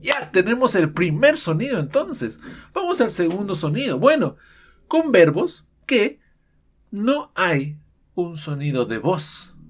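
Animated teacher. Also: male voice, sits high, takes it slowly, husky. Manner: animated, playful, acts out students' objections. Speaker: English teacher. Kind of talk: online pronunciation lesson.

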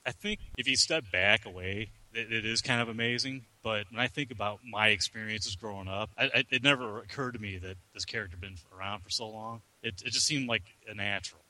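A man's voice: lowish voice, brisk, hardly any pauses, sharp tone, low-quality recording. A man speaking casually as an interview guest, thinking aloud and often repeating words. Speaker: interview guest, fan expert. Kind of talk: casual chat.

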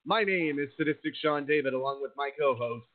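A man's voice: a little high, a little fast. A man hosting a live wrestling talk radio show. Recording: thin phone-like internet radio sound.

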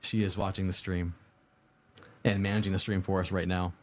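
A man hosts a live-streamed IT study show, speaking straight to viewers in a casual, conversational way and posing questions to them. His low voice stays level and brisk as he hands out upbeat, tidy advice.

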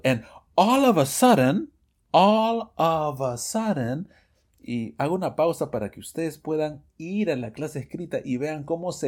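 A man teaching English phrases in a Spanish-language lesson podcast, lively and self-correcting, reading the example sentences slowly. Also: a little high, husky. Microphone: studio microphone, audio only.

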